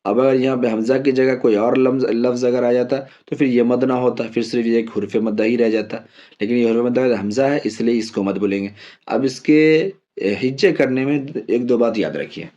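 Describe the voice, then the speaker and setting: A man teaching Quran reading as a step-by-step lesson, patiently spelling out letters slowly and repeating each drill. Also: mid-range voice, dark tone, highs cut off.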